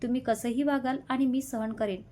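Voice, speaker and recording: A woman's voice: on the high side, fairly even intonation, brisk, mellow, slight background noise, natural voice. A woman voicing a stern, commanding young boss. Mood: angry shouting. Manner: clipped, commanding, mixes in English phrases. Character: stern young male boss, cold then shouting.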